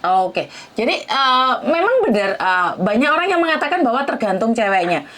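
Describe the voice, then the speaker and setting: A woman's voice: a little high, sing-song, moderate pace, a bit bright. A woman hosting a live-stream interview, probing and often asking for confirmation. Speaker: host.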